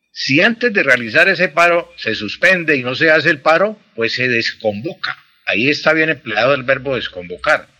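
A man's voice: a little high, pushed and bright. A man, explaining pronunciation and grammar in a precise, teacherly way on a radio language segment. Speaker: language expert answering listener questions.

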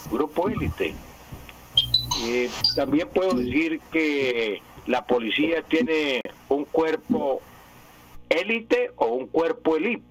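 A man's voice: medium pitch, rough recording. A man, a language expert answering listeners' questions on a radio show, explaining at length and drifting into anecdotes. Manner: digressive, anecdotal.

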